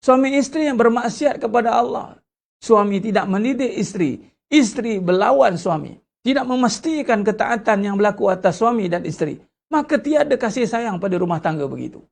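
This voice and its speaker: Brisk and gravelly, with a mid-range voice and a Malaysian Malay accent, this religious teacher gives a lively lecture packed with rhetorical questions and dramatized prayers.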